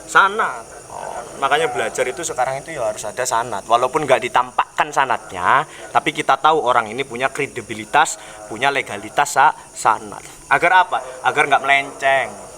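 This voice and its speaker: Bright-voiced Javanese-accented preacher. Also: male voice, mid-range voice, a little fast. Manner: joking and animated, mixing in local dialect; chanted Arabic prayer. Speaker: Islamic preacher. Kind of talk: evening religious study sermon.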